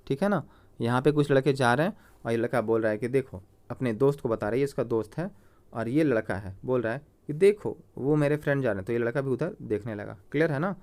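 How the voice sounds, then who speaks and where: A man's voice: mid-range voice, a little fast. Man teaching grammar, repeating key points. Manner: asks himself questions and answers them, repeats key terms; checks understanding with frequent "clear?" prompts. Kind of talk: explanatory classroom lecture over slides.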